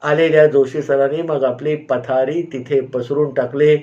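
A man telling a personal school memory in an unhurried way, often pausing to explain himself with asides. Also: mid-range voice, steady tone, a little mellow. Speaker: storyteller. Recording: slightly dull, lo-fi sound.

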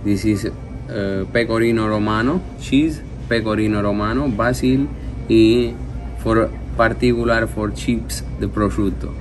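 A man in his thirties with an Italian accent, a native Italian speaker and chef, explaining dishes in halting, broken English. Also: lowish voice, fairly even intonation. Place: indoor restaurant booth. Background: background music.

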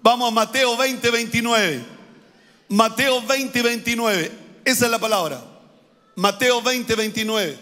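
Pastor guy preaching hard, sharp voice, long reverb in the church. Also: very high-pitched, slow pace. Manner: fervent, repetitive preaching that swells into shouts. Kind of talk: sermon.

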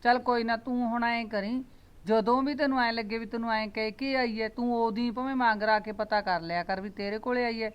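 Woman doing a middle-aged village aunty, chatty and pushy, giving everyone advice, kinda high voice. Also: fairly even intonation, brisk, smooth, highs cut off, natural voice. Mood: advising. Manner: chatty, coaxing and advising. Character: meddling motherly village aunty, talkative. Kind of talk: village comedy skit acting.

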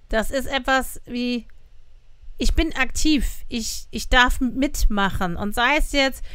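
Woman trainer, chatty tutorial voice, fairly high and smooth, dry close recording. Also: a bit bright, dry recording. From Germany. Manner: chatty, acts out quoted participants. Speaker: online trainer. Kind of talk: casual explanatory tutorial.

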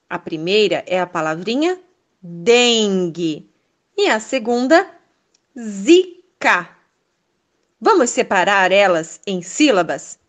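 A Brazilian woman teacher leading a first-grade lesson, reading words slowly and praising the children. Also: fairly high pitch, fairly bright tone. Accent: Brazilian Portuguese. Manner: slow, syllable-by-syllable, encouraging.

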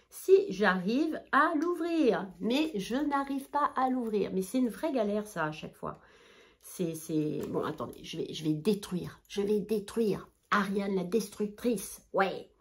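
A woman filming a chatty haul vlog indoors under a ring light, bubbly and self-mocking as she talks straight to her viewers. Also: medium pitch. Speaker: haul vlogger, mother of two daughters.

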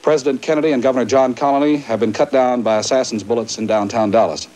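A man's voice: mid-range voice, steady tone, darkish tone, low-quality recording. Breathless man reading a breaking bulletin. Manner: urgent, hurried. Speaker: television news anchor. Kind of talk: live breaking-news broadcast. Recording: 1960s live television broadcast with background noise.

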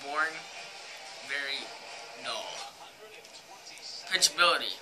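A man's voice: on the high side, slow, sharp tone, poor audio. A young American man talking casually and crudely with a lip full of dip, giving an amateur review. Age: young adult. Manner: crude, profane, slangy. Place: living room, indoors. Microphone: device mic a few feet away.

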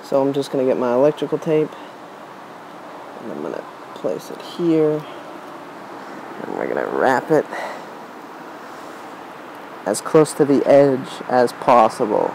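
This is a gravelly, mid-range male voice, unhurried and broken by long pauses, from a twenties-aged DIY tutorial presenter. He demonstrates a task by hand in a loose, unscripted way on an outdoor wooden porch, captured in rough outdoor camera audio with steady background noise.

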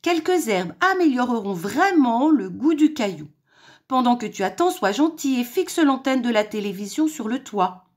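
A woman voicing a sly, clever mother hen in a children's storybook reading, brisk and bossy while she schemes. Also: a little high, big pitch swings, pitched above the performer's own voice.

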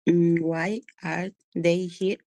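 Woman student, hesitant, very slow, dry close sound. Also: fairly low pitch, little pitch movement, dark tone, no room sound. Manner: hesitant, repeats after the teacher. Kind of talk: repeating phrases in a live class.

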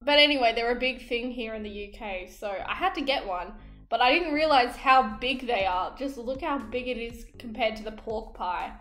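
A woman's voice: fairly high pitch, normal speed, fairly bright tone. Giggly Australian woman vlogging. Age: young adult. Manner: giggly, chatty, lots of fillers. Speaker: vlogger taste-testing snacks. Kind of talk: casual on-camera chat. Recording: echoey room, faint music.

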